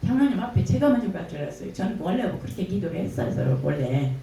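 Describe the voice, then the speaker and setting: An older woman giving a spoken church testimony, telling her story with lively storytelling and acting out the words of others. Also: lowish voice, fast. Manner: animated storytelling, acting out quoted dialogue. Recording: echoey room from a distance, faint noise.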